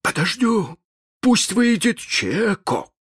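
A man's voice: medium pitch, lively intonation, slow pace, breathy edge, no echo, studio quality, voice pushed up. A man voicing a stubborn pirate sailor who grumbles his refusals. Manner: grumbling, then whimpering.

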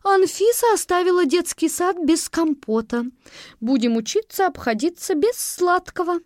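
A woman voicing an excitable, fussy female kindergarten teacher who exclaims in a high, mock-official tone. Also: normal speed, no echo, clean studio sound. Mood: alarmed.

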